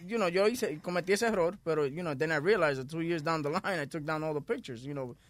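A man's voice: fairly high pitch, fairly quick, slight background noise. A middle-aged man with a Dominican accent chatting casually, mixing Spanish and English and leaning on filler phrases. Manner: peppers talk with "you know". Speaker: talk show panelist. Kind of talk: casual chat, switching between Spanish and English.

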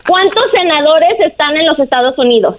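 A woman's voice: high voice, animated, brisk. A woman lawyer on a radio show, upbeat and laughing between lines as she promotes her service. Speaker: lawyer giving a sponsored segment. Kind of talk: on-air ad segment with banter. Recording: tinny phone line.

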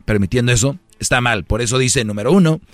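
A man's voice: mid-range voice, fast, dry recording, faint music behind. A man with a Mexican accent, hosting an advice talk show for men and speaking in a brash, slangy, mocking way. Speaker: host giving relationship advice to men.

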